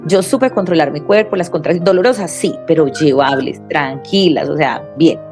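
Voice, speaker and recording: A woman's voice: sits low, moderate pace, faint music behind. A woman, an interview guest who is a mother, telling a personal story in conversation and acting out the voices of people she quotes. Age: adult mother. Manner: lively, acts out quoted dialogue.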